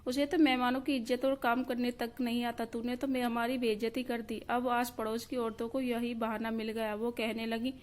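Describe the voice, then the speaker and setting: A woman reads a family story aloud in a steady, scripted narrating voice. Her pitch sits a little high and barely moves, so the telling stays level and even throughout. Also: normal speed, hardly any pauses.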